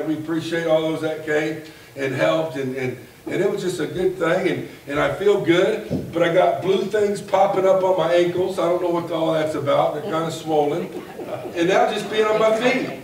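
A high-pitched pastor in his forties preaches from a pulpit in the church sanctuary, folksy and animated, building up to a shout. A camera far off at the back of the room picked him up, so the sound is echoey with a faint hiss.

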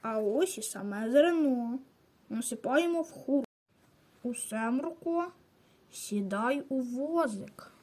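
A woman's voice: on the high side, animated, slow, darkish tone. A woman playing a kindly grain owner giving orders. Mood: instructing. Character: friendly farmer-like male grain owner.

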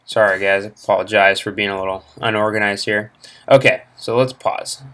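A young man with a fairly low voice chats loosely through his screen recording, wandering between thoughts and dropping plenty of ums. He is recorded at home on a laptop's built-in mic. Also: fairly quick. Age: young adult. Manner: relaxed, rambling, lots of fillers. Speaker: car vlogger. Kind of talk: casual screen-recorded commentary. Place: home room, indoors. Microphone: laptop internal mic.

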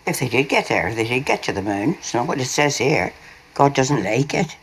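An older woman with a Northern Irish accent playing a pious, sharp-tongued grandmother in a film drama, dry and teasing. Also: very deep voice, big pitch swings, moderate pace, a little hiss or hum, exaggerated voice, rough recording.

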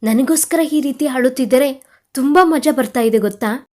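A man's voice: extremely high pitch, normal speed. A woman voicing a playful, teasing young man recovering in hospital, reading a romantic audio story. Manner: teasing, light banter.

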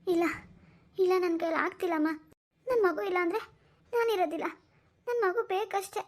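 In cartoon voice acting, a woman with a very high voice plays a young mother, grief-stricken over her missing baby. Speaking at a moderate pace, the distraught character sobs and pleads.

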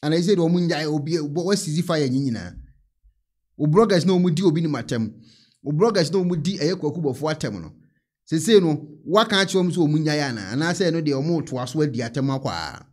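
A man in his thirties with a Ghanaian accent comments casually from a small indoor studio into a mic on a stand. His voice sits a little high, and he laughs often and switches between languages. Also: brisk. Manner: laughing, animated, mixes in English. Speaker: reaction host.

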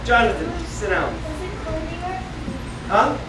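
A middle-aged man from the northeastern United States, a children's Sunday school teacher, tells a Bible story and quizzes the kids as he moves around a church classroom. His voice sits high and is animated but slow, heard over music. A distant camera captures him in an echoey room with a noisy background.

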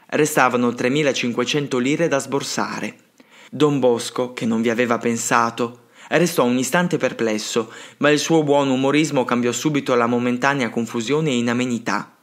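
A man narrating an audiobook of a saint's life in a steady, measured storytelling manner. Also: medium pitch.

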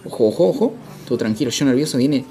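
A man streams a football game live, calling plays like a sportscaster and shouting playful hype, repeating phrases in chant-like bursts. His medium-pitched voice is animated and fast.

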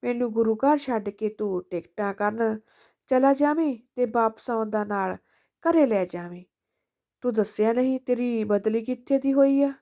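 A woman voicing an elderly mother who speaks softly and forgivingly to her son, in a storybook reading. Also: on the high side, moderate pace, lightly acted. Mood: pleading. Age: older.

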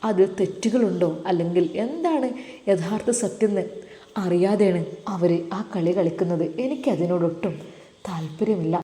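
Woman playing a gentle young husband, soothing, dark mellow tone, echoey room. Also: lowish voice, normal speed, natural voice. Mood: reassuring. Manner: soothing, reassuring. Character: young husband, calm and reassuring.

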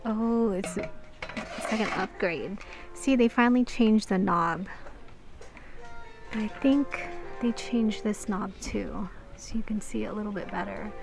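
A shopping vlogger chats and thinks aloud while browsing inside busy stores and a mall, her mid-range voice slow and creaky with long pauses. Shop and mall noise fills the background, along with music, in this casual shop-with-me vlog.

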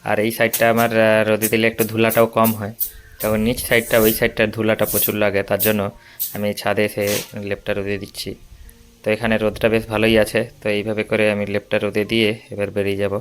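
A man's voice: lowish voice, completely flat delivery, a little fast, faint music behind. A man, narrating his household chores in a chatty home vlog. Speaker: family vlogger. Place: home and rooftop.

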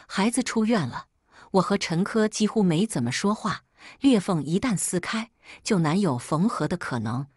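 Female storyteller, lower register, husky, dry close sound, steady narration. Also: dry recording. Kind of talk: first-person story narration.

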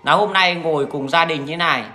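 A man's voice: fairly high pitch, brisk, bright, forceful tone, a little hiss or hum. A man with a Northern Vietnamese accent, talking to his viewers in a blunt, crude, rambling monologue full of restarts. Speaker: vlogger addressing viewers.

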